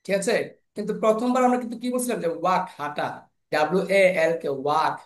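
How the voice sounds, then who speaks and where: A man teaching English pronunciation in an online class, slowly repeating sounds and words over and over. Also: high-pitched, lively intonation. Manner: slow, repeats sounds and words many times. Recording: echoey room.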